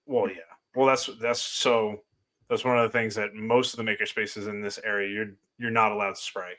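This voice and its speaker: A man's voice: fairly low pitch, flat delivery, moderate pace, a bit bright. A man hosting a podcast, chatting casually with his wife and teasing her with dry jokes. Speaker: podcast host, woodworker. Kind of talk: casual chat.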